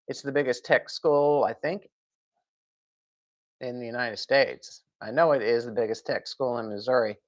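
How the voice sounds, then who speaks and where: Chatty, slow-talking woman streamer. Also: very deep voice, fairly bright tone. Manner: rambling, chatty, laughs often, answers viewer comments. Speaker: live stream host. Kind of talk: casual live stream chat. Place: home.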